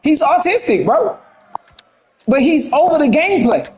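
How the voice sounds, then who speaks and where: Fired-up, high-voiced male gaming ranter. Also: big pitch swings, normal speed, a little mellow, poor audio. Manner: profane, fired up, says he has a temper. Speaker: gaming commentator. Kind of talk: heated ranting commentary.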